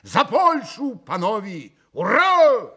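A man voicing an impulsive, excitable young man who shouts and carries on. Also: high-pitched, slow pace, voice pushed up, heavily acted. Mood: rowdy, toasting. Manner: shouting, exuberant.

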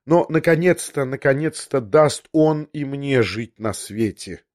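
Reading an audiobook, a man voices a young noblewoman confessing in a breathless, restless, agitated way, half to herself and slightly raised. His mid-range voice is animated and a little mellow, close to an everyday voice, at a measured pace.

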